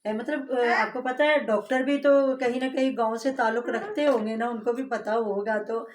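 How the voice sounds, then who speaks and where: A woman's voice: fairly high pitch, normal speed. A woman giving casual, rambling reaction commentary on family vlogs, full of fillers and asides.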